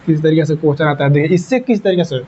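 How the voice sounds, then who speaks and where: A male teacher explains a lesson in a slightly high voice, going over each point more than once. He asks questions and answers them himself. The recording sounds muffled and lo-fi. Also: very fast, warm tone. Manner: repetitive, explains step by step, asks and answers his own questions. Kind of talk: classroom lesson. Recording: dull lo-fi recording.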